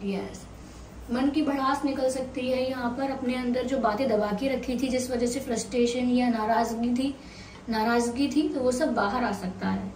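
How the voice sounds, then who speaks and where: A woman giving a tarot reading to viewers, mixing Hindi and at an unhurried pace, her throat slightly sore. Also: fairly high pitch, fairly even intonation, darkish tone. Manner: unhurried, mixing Hindi and English, thinking aloud. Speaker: tarot reader. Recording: roomy sound, mic at a distance, faint hiss.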